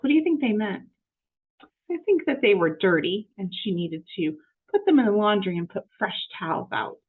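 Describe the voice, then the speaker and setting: A woman reads a storybook aloud to young children, expressive and teacherly, adding explanatory asides and asking her listeners questions. Her medium-pitched voice has a breathy edge, and the sound is phone quality.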